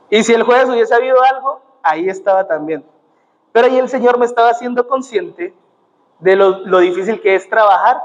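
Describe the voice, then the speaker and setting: A young Colombian man preaches in a high voice, tossing in "amén" as he goes. His voice carries a long reverb from the church hall. The sound is muffled and dull. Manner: punctuates with "amén" and "gloria a Dios". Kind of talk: sermon. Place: church sanctuary.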